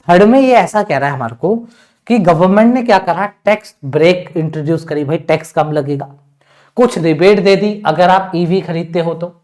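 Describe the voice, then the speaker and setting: A man with an Indian accent teaching an online exam-prep lesson. He reads English passages slowly, explains each word in Hindi, and teases his students with rhetorical questions. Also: high voice, a little mellow. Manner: chatty and teasing, with many rhetorical questions.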